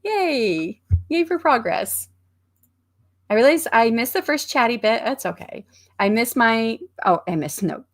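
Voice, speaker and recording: A livestream host chats casually, greeting viewers and reading their comments aloud while rambling, restarting sentences and filling pauses with ums. Her medium-pitched voice has a gravelly fry.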